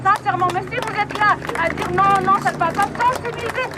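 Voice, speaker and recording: A woman's voice: very high voice, fairly quick, heavy background noise. A woman giving a blunt, scolding rally speech outdoors, urging the crowd to get moving. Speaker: rally speaker.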